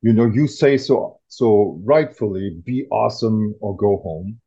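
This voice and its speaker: A man's voice: on the low side, expressive, unhurried, warm tone, slightly rough. A man explaining things with enthusiasm as a guest author in an interview. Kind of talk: casual interview talk. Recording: dull lo-fi audio.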